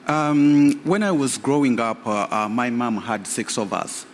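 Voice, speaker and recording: A Ugandan man, guest in a live radio interview on a radio theatre stage, tells his personal story hesitantly with many fillers. His mid-range voice moves a little slowly, with slight background noise, in a reverberant live theatre recording.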